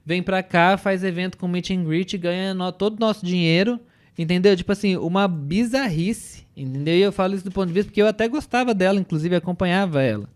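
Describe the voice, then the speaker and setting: On a casual podcast panel, this young Brazilian man, speaking with a Brazilian Portuguese accent, voices emphatic opinions and keeps tagging lines with "né?" and "entendeu?". His voice is high-pitched and he talks fast.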